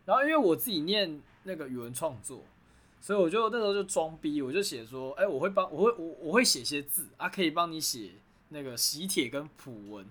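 A woman's voice: low-pitched, animated, a little fast, a bit bright. A woman in her twenties with a Taiwanese Mandarin accent, co-hosting a podcast in casual, joking, self-mocking chat. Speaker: podcast co-host.

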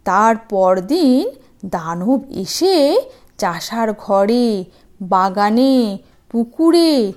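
A woman's voice: on the high side, darkish tone. A woman hosting and narrating stories for young children, speaking to them in a sweet, sing-song manner. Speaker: children's story channel host and narrator.

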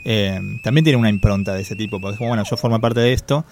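This Argentine man, speaking with a Rioplatense Spanish accent, is a fast talker with a fairly low, somewhat mellow voice. He co-hosts a relaxed conversation, thinking through ideas aloud with many fillers and a thoughtful hesitancy, and slight background noise is audible.

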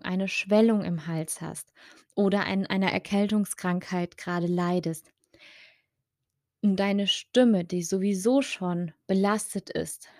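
A woman speech and voice coach hosting her podcast, giving calm, gentle advice straight to the listener. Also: medium pitch, dry recording, studio quality. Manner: slow, gentle, addresses listener directly.

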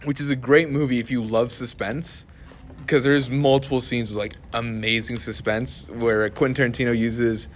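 Halting, rambling young man. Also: mid-range voice, fairly even intonation, slight background noise. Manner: rambling, halting, full of likes and uhs. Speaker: podcast co-host. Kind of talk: casual chat.

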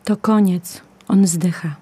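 A woman voicing a sorrowful man standing over an injured pony, speaking in a hushed way. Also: a little high, fairly even intonation, moderate pace, close to an everyday voice. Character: sad man tending a hurt pony.

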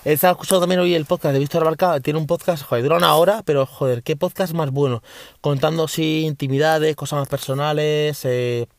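A podcast host from Spain chats casually from his parked car in a fairly high, steady voice at a fairly quick pace. He rambles, restarts often, and swears mildly. There's no echo.

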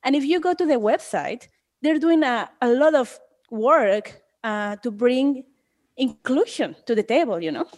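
A woman's voice: high voice, lively intonation, a little slow, a little mellow. A woman with a Mexican accent, co-hosting a casual chat podcast and laughing often. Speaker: podcast co-host.

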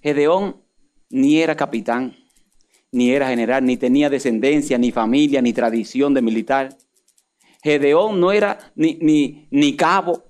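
A man preaching a sermon, swinging from loud emphatic peaks down to low asides. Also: unhurried. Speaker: pastor.

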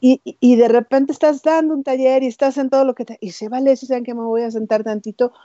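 A woman's voice: high-pitched, fairly even intonation, fast talker, dark tone, no echo, lo-fi sound. A woman hosting an interview, talking with enthusiasm and often adding tag questions. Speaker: host. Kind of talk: casual interview chat.

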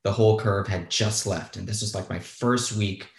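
A man's voice: lowish voice, steady tone, moderate pace, gravelly. Man telling a story in a roomy space. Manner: candid, self-deprecating, swears freely. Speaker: guest, former bond trader. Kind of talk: casual storytelling.

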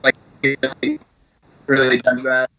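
A man's voice: mid-range voice, completely flat delivery, normal speed, bright, forceful tone, no echo, poor audio. A man talking casually on a video call whose audio breaks up and cuts out. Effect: call audio breaking up and cutting out. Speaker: podcast guest on a video call. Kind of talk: casual chat.

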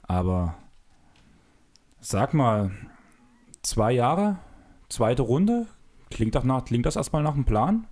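A man's voice: mid-range voice, sing-song, slow, long pauses, a little mellow. A man co-hosting a casual podcast who jokes and teases while pushing the conversation along with questions. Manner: teasing, joking, drives the conversation with questions. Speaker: podcast co-host. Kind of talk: casual basketball chat. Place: room with closed soundproof windows.

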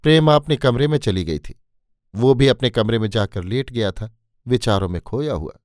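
A male storyteller reading a short story in a steady, measured way. His voice sits at a middling pitch and the sound is dry and close, with no room around it. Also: no echo. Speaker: narrator.

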